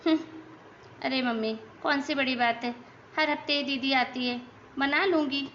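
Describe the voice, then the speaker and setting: A woman's voice: high-pitched, steady tone, a little slow, fairly bright tone, dull audio, slight background noise. A woman voicing a chatty young daughter-in-law in a cartoon, complaining about her in-laws. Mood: defensive. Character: gossipy young daughter-in-law, lazy and talkative. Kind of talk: cartoon voice acting.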